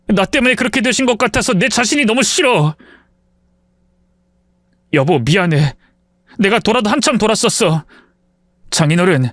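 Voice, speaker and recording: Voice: mid-range voice, fairly bright tone, dry recording, clean studio sound, lightly acted. A man reading the part of a greedy husband who demands money and later stammers apologies.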